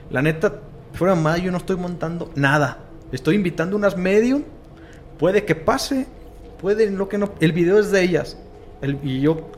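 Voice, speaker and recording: This man, a guest storyteller who makes paranormal content, speaks with a Mexican accent and a voice on the high side, with slight background noise. He tells a paranormal story in casual, slang-heavy chat. He's animated and acts out the voices of the people he quotes.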